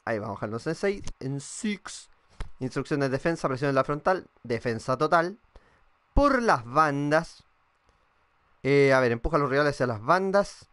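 Streaming a football match, this young man from Chile speaks fairly quickly in an expressive mid-range voice with a Chilean accent. He's casual and foul-mouthed, reading chat messages out loud and musing to himself.

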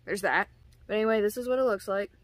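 A woman's voice: medium pitch, quick pace, noisy background. A woman casually reviewing skincare products on a vlog, giggly, self-deprecating and rambling.

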